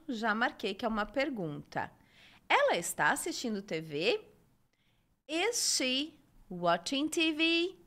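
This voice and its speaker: Bright, lively Brazilian woman teaching English. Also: on the high side. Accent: Brazilian Portuguese. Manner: slow, deliberate model sentences, reads viewer comments. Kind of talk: live-stream English lesson.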